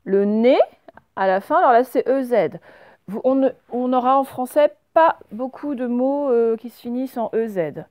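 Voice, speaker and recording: A middle-aged woman, a primary school teacher giving a slow, patient spelling lesson with many fillers. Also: on the high side, darkish tone, dry recording. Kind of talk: recorded spelling lesson for young pupils.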